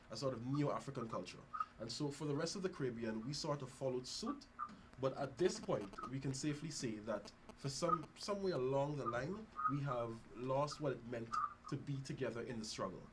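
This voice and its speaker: A young man with a Guyanese accent speaks on a discussion panel in a formal, deliberate way. His pitch is mid-range for a man. Clear noise sits behind his voice. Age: young adult.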